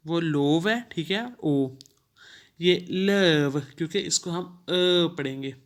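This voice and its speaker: A man's voice: on the high side, a bit bright. A man teaching a vocabulary lesson. He says each word, repeats it, and then explains what it means. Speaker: language teacher. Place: lives abroad, teaching newcomers.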